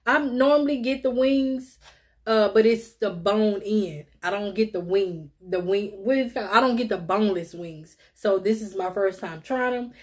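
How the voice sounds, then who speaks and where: A woman's voice: medium pitch, moderate pace. A woman, chatting casually to viewers while eating in a mukbang vlog, calling them y'all and little sis. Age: 50s. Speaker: mukbang vlogger.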